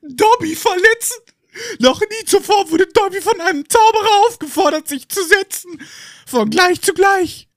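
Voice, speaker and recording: A man voicing a servile male house elf with a squeaky, shrill voice that turns sobbing and overwrought, read in a storybook podcast. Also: big pitch swings, moderate pace, slightly rough, dry recording, clean studio sound, heavily acted. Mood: wailing.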